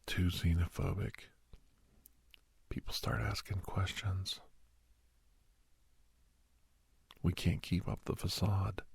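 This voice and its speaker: Hopeful and gentle in mood, this ASMR role-play features a man with a low-sitting, exaggerated voice as a calm, earnest doctor counseling a young werewolf. His delivery is breathy and hushed, often a whisper, with a slow, reassuring manner, on a dry recording.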